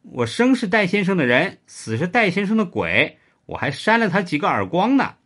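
Guy doing a sulky clingy young woman, whiny and high, pitch swinging all over. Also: sing-song, moderate pace, a bit bright, heavily acted. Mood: sulky, pouting. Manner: whiny, pouting, raised pitch.

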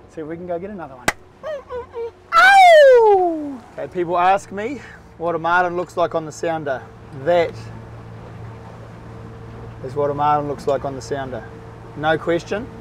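Out at sea on a small fishing boat, a Kiwi host in his forties gives loose, excited commentary full of whoops and swearing, speaking in a high voice at a moderate pace with long pauses. The audio comes from an action camera fixed to the boat and carries wind and engine noise.

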